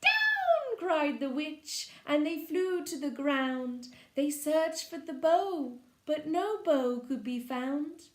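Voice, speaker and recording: A woman storyteller reads a children's picture book aloud in an animated, lively way. Her voice is high and lively but unhurried, recorded in an echoey room.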